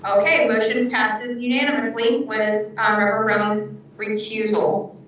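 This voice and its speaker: A woman chairing a public board meeting over a video call, running motions in a brisk, procedural way. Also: fairly high pitch, little pitch movement, fairly bright tone. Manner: brisk, procedural, slightly unsure. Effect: remote video call audio. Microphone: computer mic on a video call. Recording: dull, echoey, distant call audio.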